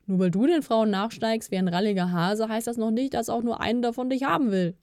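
A woman's voice: a little high, a little fast, a little mellow, no room sound, studio quality, voice pushed up, close to an everyday voice. A woman voicing a fussy, self-important male elf who talks with pompous airs, in a storybook reading. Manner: pompous, rising and sheepish.

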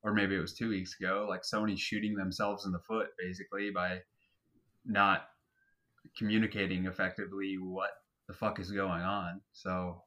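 Bright-voiced laid-back man chatting. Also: sits low, level tone, normal speed. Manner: laid-back, swears casually, lots of fillers. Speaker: podcast co-host. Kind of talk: casual chat.

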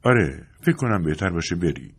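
A man reading an audiobook, voicing a gentle, polite older woman neighbor in a softly raised voice. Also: on the low side, sing-song, breathy edge, voice pushed up, heavily acted. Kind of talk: audiobook character voice.

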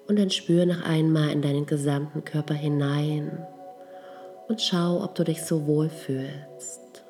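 Low, mellow female meditation guide, soft and slow delivery. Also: soft background music. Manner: slow, soft, calm instructions.

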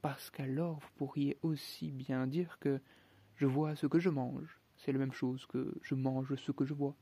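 A man voicing a whimsical, touchy Hatter who speaks slowly and with scorn, for a storybook. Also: medium pitch, little pitch movement, gravelly, warm tone, slightly rough, no room sound. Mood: contrary.

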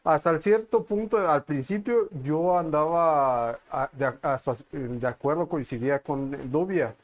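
Panel guy: stammers, measured, voice slightly high. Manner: stammering, careful to clarify. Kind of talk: casual chat.

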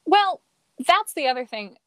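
A woman's voice: high-pitched, big pitch swings, unhurried, fairly bright tone, dry recording, clean studio sound. A woman talking casually as a podcast guest, telling anecdotes in an earnest, conversational way. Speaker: podcast guest, amateur performer and cosplayer. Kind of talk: casual chat.

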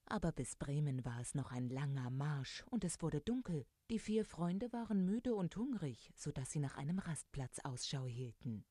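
A woman narrating a fairy tale with a low, dark, mellow voice in calm storytelling. The recording is close and dry with no room sound. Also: moderate pace, few pauses, dry recording.

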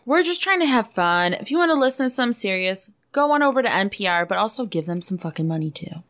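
A woman's voice: medium pitch, very animated, fast, fairly bright tone. A woman co-hosting a podcast in casual, blunt, profane chat peppered with "like". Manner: blunt, sweary, heavy on "like". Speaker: podcast co-host.

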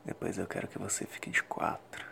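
Breathy and close, this whispered role-play features a Brazilian-accented man with a sharp tone guiding an adult listener through intimate, slow, deliberate instructions. A little hiss or hum can be heard.

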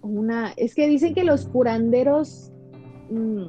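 A young woman, a podcast guest telling a personal story in an animated way, full of "o sea" and "¿no?". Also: fairly high pitch, measured pace, soft background music, poor audio. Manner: animated, fills talk with "o sea" and "¿no?". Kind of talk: casual storytelling.

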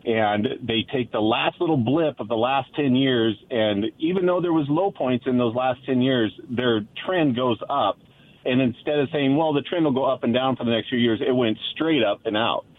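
A man's voice: medium pitch, normal speed. A man calling in to a radio talk show over the phone, speaking in a rambling, hesitant, frustrated way. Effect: phone-line voice of a call-in caller. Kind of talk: casual call-in chat. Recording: tinny phone line.

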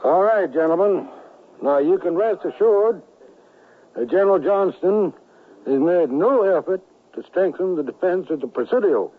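In old-fashioned radio drama style, a male actor plays the commanding ringleader of secessionist plotters, authoritative, deliberate, and smoothly threatening. His voice is a little high, and the sound is band-limited, phone-like broadcast audio with music behind it.

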